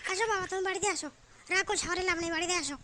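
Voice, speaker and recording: A woman voicing a shrill, coaxing cartoon mother. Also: very fast, noisy background. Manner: coaxing, repeating pleas. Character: pleading soft-hearted mother of the family. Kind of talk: comic cartoon voice acting.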